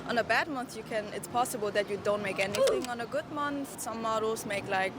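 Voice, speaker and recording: Woman from Germany, model, measured answers, fairly high voice, noisy street. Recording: outdoor street noise.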